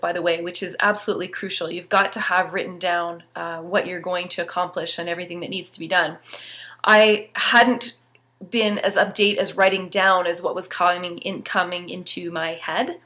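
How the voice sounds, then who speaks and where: Bright, upbeat woman giving a motivational talk. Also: mid-range voice. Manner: upbeat and emphatic, swinging between bright bursts and soft asides. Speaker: motivational speaker. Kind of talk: personal motivational talk to camera.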